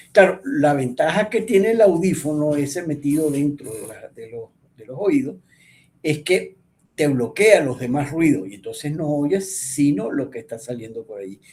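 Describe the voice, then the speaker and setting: Male instructor teaching an online class, fairly high mellow voice, halting, keeps checking "ok?". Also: lively intonation. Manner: explanatory, often checks in with "¿ok?"; halting, with frequent restarts and fillers.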